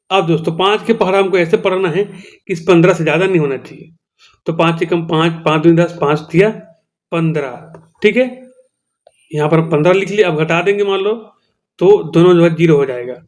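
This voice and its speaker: A man's voice: sits high, fairly quick, darkish tone. A male teacher with a Chhattisgarhi-tinged Hindi accent, explaining a maths lesson step by step and often checking in with his students. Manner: explains step by step, repeats "theek hai doston".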